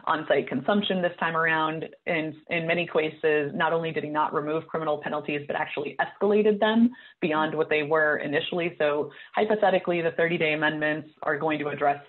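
A woman's voice: sits low, steady tone, brisk, hardly any pauses. Earnest woman advocate, panel speaker, heard over a thin phone-like call line. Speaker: cannabis policy advocate. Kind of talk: panel discussion on a video call. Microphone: video call. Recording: tinny phone-like audio.

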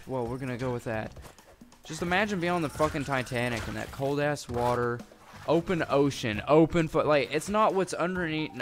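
A man's voice: mid-range voice, a bit bright. A man giving profane, rambling commentary on a game he is playing, muttering to himself and erupting in frustrated outbursts. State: hungry and a bit grumpy. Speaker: gaming YouTuber. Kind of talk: profane casual let's-play commentary.

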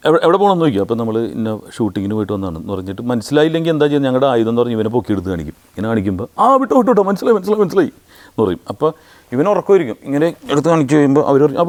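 Fast-talking Malayali comedian, thin squeezed voice. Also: male voice, mid-range voice. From Kerala, India. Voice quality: thin squeezed voice, which he says sounds like a duck grabbed by the neck. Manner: animated anecdotes with quick mimicry of other voices. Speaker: comedian telling stories of his career. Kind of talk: casual storytelling.

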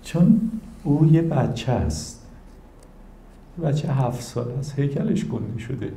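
A man's voice: mid-range voice, animated, creaky, warm tone, roomy sound. A man giving a spiritual talk as teacher and counselor, telling stories animatedly and acting out the people he quotes.

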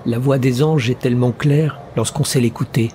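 A man's voice: medium pitch, steady tone, moderate pace, warm tone, slight background noise, natural voice. A man voicing a desperate, ruined middle-aged man who speaks with urgent insistence and remorse in an audiobook story. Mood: remorseful.

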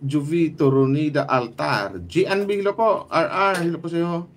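A man with a Filipino accent hosting a casual livestream, reading out viewer shoutouts by name with quick asides. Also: fairly high pitch. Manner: lively, greets commenters by name, quick asides. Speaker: livestream host.

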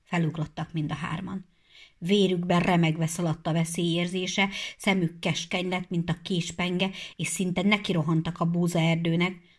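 Woman narrator, storybook reading, lowish voice, measured and expressive.

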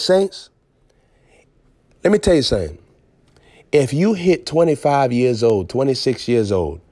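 A man preaching with emphatic swings between low intensity and raised outbursts. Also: darkish tone, no room sound. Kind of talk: preaching on a phone broadcast.

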